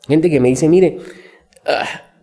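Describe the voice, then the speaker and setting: A man speaking as a business coach in a podcast interview, telling lively stories and acting out the people he quotes. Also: on the high side, takes it slowly, gravelly. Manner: animated storyteller acting out quotes.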